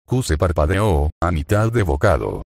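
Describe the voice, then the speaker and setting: A man narrates a fanfic in a steady, scripted read. His voice is very low and deep. The sound is dry and close, with no room echo. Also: measured pace, creaky.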